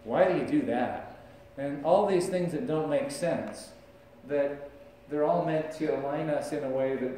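Warm and medium-pitched, a middle-aged pastor's voice carries a conversational sermon as he gestures while speaking. He's in a big church sanctuary, picked up by a far camera with no visible mic, giving distant, echoey sound and a little hiss or hum.

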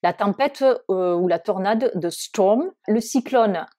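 A woman teaching English vocabulary in French, with many hesitant fillers, slowing down to model each English word. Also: medium pitch, lively intonation, dark tone. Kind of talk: vocabulary lesson.

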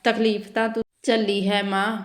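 A remorseful, wealthy grown son pleads with his mother, as a woman narrator voices him. The voice stays at a middle pitch and hardly moves in its melody. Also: little pitch movement, moderate pace, reverberant, lightly acted.

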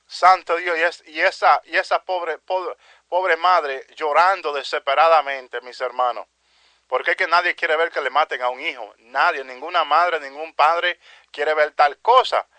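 A man's voice: sits high, bright, forceful tone, no room sound. A man preaching a fervent evangelical sermon, repeating phrases and peppering his speech with exclamations of praise while addressing his listeners as brothers. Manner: peppers speech with "aleluya" and "santo Dios", addresses "mi hermano"; impassioned, repetitive preaching cadence.

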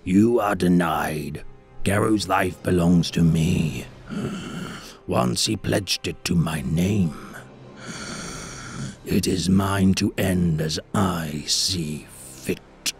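A man voicing a grim, commanding male warlord in a slow, rasping, menacing way for an audiobook. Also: deep voice, soft background music, full character voice. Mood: cold. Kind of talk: audiobook character voice.

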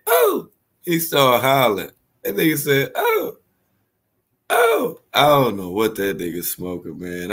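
A man hosting a profane reaction commentary, mocking and laughing loudly. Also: on the low side. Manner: mocking, slangy, loud laughter. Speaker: host.

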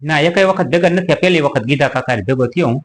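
A man's voice: on the high side, rapid-fire. A man telling a rustic village comedy story, chatty and laughing often. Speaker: comic storyteller.

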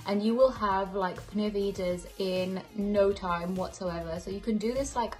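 Upbeat young woman cooking host. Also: medium pitch. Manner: upbeat, chatty, slangy. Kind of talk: casual recipe talk to camera, then voice-over narration. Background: soft background music.

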